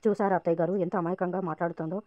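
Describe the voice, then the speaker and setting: A woman's voice: on the low side, steady tone, very fast, dry recording, highs cut off, lightly acted. A woman narrator reading the lines of an earnest young wife defending her sister.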